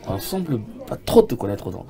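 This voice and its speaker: A man's voice: lowish voice, big pitch swings, fairly quick, gravelly, dark tone, husky. A man hosting an interview, asking familiar, probing questions. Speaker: interviewer host. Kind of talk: casual interview.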